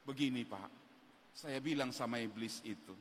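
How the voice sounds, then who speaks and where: A man voicing an ashamed young man who hesitantly confesses his sins to a pastor, speaking low and quiet in an echoey church hall. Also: normal speed, slight background noise, close to an everyday voice. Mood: sheepish.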